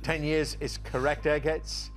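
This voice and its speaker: A man's voice: on the high side, flat delivery, a little slow, over music. A man hosting a television quiz show, reading questions and joking with contestants between laughs. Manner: jokey, laughs between lines. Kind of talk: scripted presenting and friendly banter.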